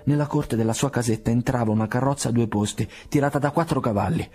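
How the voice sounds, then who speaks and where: A male reader giving a measured, theatrical audiobook reading of a classic novel. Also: mid-range voice, a little mellow, faint music behind.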